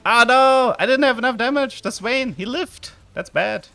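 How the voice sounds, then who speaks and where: A streamer from southern Germany with a German accent chats to viewers and remarks on his game, breaking into sudden excitement at times. His voice is very high with vocal fry, delivered at a moderate pace.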